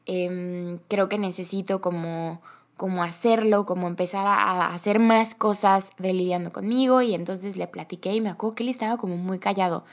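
Chatty young Mexican woman podcaster. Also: medium pitch. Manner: chatty, animated, quick bursts with laughter. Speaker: podcast host. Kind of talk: casual storytelling monologue.

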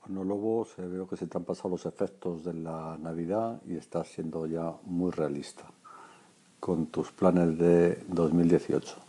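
A man with a gravelly, husky voice talking casually in a voice message. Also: low voice, fairly even intonation, measured pace, warm tone.

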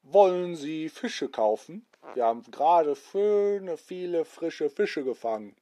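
A man's voice: on the high side, animated, slow, warm tone. A man voicing a polite lake monster selling fish in a bedtime story. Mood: friendly. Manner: polite, salesman-like.

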